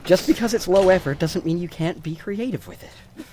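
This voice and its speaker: A man's voice: high voice, moderate pace, warm tone. A man co-commentating on a video game in casual, joking banter. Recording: clear background noise with clicks.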